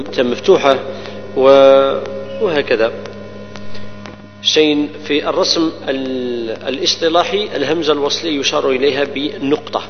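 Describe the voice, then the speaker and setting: Guy teaching tajweed, slow stretched recitation between explanations, long echo, dull lo-fi sound with mains hum. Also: mid-range voice. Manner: explains rules step by step, recites verses slowly and stretched. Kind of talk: tajweed lesson with recited verses.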